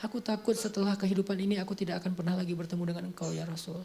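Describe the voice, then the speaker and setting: A man voicing a tearful young male companion who speaks softly and fearfully, within a sermon retelling. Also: high-pitched, fairly even intonation, racing, vocal fry. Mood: fearful pleading.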